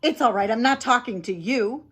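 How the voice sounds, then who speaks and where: A woman voicing an excitable young boy talking urgently and with exasperation in a read-aloud story. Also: on the high side, moderate pace, breathy edge, pitched above the performer's own voice. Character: excitable young boy, bossy big brother.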